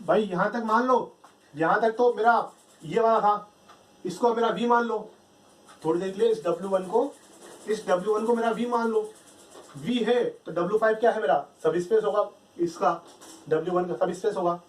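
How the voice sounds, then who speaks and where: A man gives a whiteboard math lesson in a fairly high voice. He walks through each step, posing questions and answering them himself. The sound is picked up from some distance off the mic. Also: moderate pace. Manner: explains step by step, asks and answers his own questions. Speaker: math teacher.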